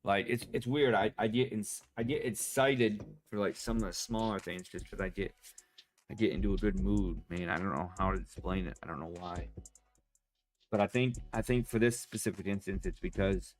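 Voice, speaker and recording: A man chatting casually to his stream viewers, rambling and excitable, full of fillers and restarts. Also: on the low side, normal speed. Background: faint music.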